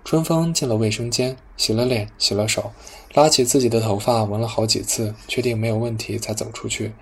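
A man narrating a novel as an audiobook, calm and even. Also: lowish voice, a little fast, slightly rough.

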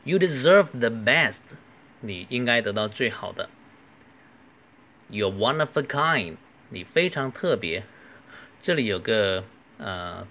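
A man with a Cantonese accent teaching English phrases, reading each line slowly and carefully, then explaining. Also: on the low side, creaky, bright, forceful tone. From southern China. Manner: slow, careful model phrases between quick explanations. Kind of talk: language lesson.

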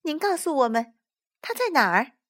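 A woman voicing a chorus of small, eager tadpole children in a storybook reading, with a high, pleading tone. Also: big pitch swings, normal speed, fairly bright tone.

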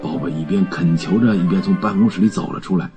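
A man reading a storybook aloud as narrator, in an expressive, gentle telling. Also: low-pitched, quick pace, music in the background.

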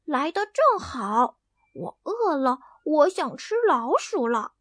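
A woman doing a squeaky, excitable little chick. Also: takes it slowly, dry recording, exaggerated voice. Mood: excited chirping. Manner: squeaky high chirping exclamations. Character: small brave female chick, excitable.

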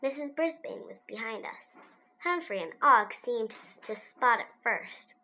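A woman reading a children's storybook aloud in an animated, sing-song, playful way. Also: fairly high pitch, measured pace, poor audio. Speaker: storybook reader.

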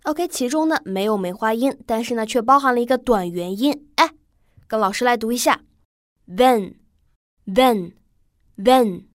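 A woman English teacher leads a pronunciation lesson in a slightly raised voice. She prompts her students in a friendly way and drills each word slowly and distinctly. The sound is close and dry, with no room echo. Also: fairly high pitch, animated. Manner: drills words slowly and clearly for repetition.

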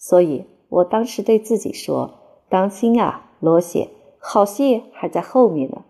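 A swaggering old soldier turned fencing master, sneering and theatrical as he spins his tale, put on by a woman reading aloud. His voice is mellow and low in tone, with a husky, breathy edge. He talks louder than the narration around him, savouring every jibe. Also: lively intonation, unhurried. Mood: mocking. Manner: mocking, theatrical storytelling. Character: boastful mocking male fencing master, former soldier. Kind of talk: audiobook character voice.

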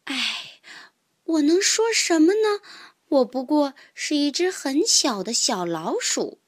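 A woman telling a children's story in the first person, with expressive sighs. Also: high voice, unhurried.

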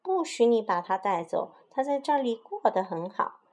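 A woman's voice: on the high side, big pitch swings, moderate pace, pitched above the performer's own voice. A woman voicing a brave, stubborn young male rooster in a storybook, talking back with determination. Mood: defiant. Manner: defiant, determined.

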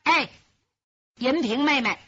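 A woman's voice: high-pitched, takes it slowly, a bit bright, slightly rough, exaggerated voice. A woman doing a fretful young swordswoman. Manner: fretful, talking to herself. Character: young swordswoman, anxious and scheming. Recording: lo-fi, dull recording.

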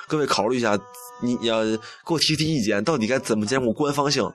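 A man's voice: medium pitch, fast, a bit bright. A young man hosting a campus radio show, telling a story in a chatty, self-mocking way and acting out the dialogue. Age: young adult. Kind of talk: casual monologue.

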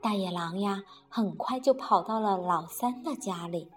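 一位女性用拖长的唱腔式语调给孩子讲童话故事。. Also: female voice, mid-range voice, faint music behind. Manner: slow, sing-song, drawn-out. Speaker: storyteller. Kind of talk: children's storytelling.

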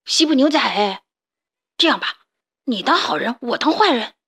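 Woman reading as a big bossy storybook tiger; drawling, showy, loud. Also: a little high, lively intonation, moderate pace, slightly rough, full character voice. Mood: coaxing.

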